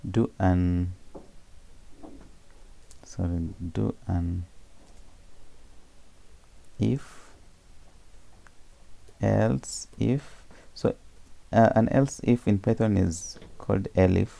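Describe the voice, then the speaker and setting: Walking through code in a screencast, this man speaks low and creaky with a mellow quality. His step-by-step explanation is full of pauses and fillers, and he fixes his own mistakes along the way.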